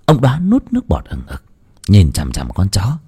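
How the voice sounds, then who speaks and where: Husky man telling a folk ghost story. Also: lowish voice, moderate pace. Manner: folksy, expressive storytelling.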